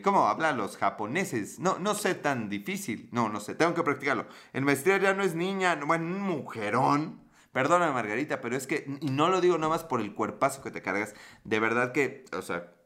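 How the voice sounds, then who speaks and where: A young Mexican man hosting a livestream tells a rambling, slangy story to his live chat, answering viewers and laughing often. His medium-pitched voice sounds pushed and bright.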